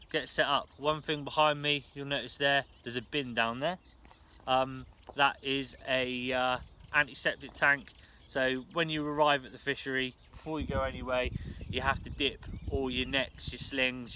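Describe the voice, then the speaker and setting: Out at a fishing lake, a man vlogging about fishing talks casually to camera in a laid-back, slangy style. His voice is medium-pitched with a sharp tone, and outdoor ambience and background noise fill the recording.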